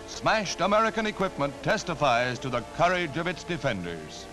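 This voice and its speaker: A man's voice: a little high, huge pitch swings, moderate pace, poor audio. A man narrating an old wartime newsreel in a dramatic, urgent announcer style. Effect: old newsreel sound. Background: music.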